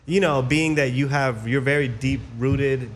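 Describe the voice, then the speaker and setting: A man's voice: mid-range voice, steady tone, a little slow, a little hiss or hum. A man hosting a radio interview, talking casually with enthusiasm and slang. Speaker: radio host.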